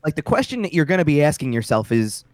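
A man's voice: a little high, sing-song, fast, dry recording. A man co-hosting a casual sports podcast, often restarting and repeating words as he makes his point. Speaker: podcast co-host.

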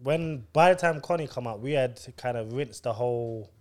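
A man's voice: mid-range voice, moderate pace, darkish tone. A young man with a London roadman accent, telling casual anecdotes in street slang, repeating words and acting out dialogue. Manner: slangy, acts out dialogue, repetitive.

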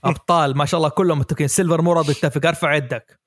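A man hosting a podcast, explaining ideas in a lively way and asking his guests for their views. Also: fairly high pitch, racing, dry recording, clean studio sound. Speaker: podcast host. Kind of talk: casual podcast discussion.

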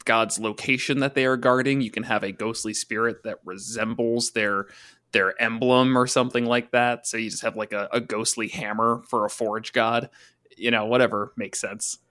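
Man, medium pitch, podcast co-host, casual and joking, self-correcting. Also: steady tone, normal speed, pushed and bright. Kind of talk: casual, joking explanation of tabletop game lore.

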